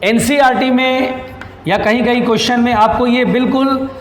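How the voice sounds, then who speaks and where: A man teaching physics to students, patient and reassuring, who repeats key terms slowly and affectionately calls them "beta". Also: very high-pitched, fairly even intonation, roomy sound, big-room sound. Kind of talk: classroom lecture.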